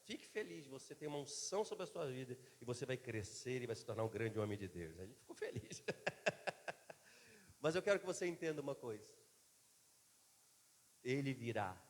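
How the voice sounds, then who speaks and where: A pastor preaching a sermon, a man, swinging between loud and soft delivery in a church. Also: mid-range voice, sing-song, moderate pace, long pauses, in a large hall.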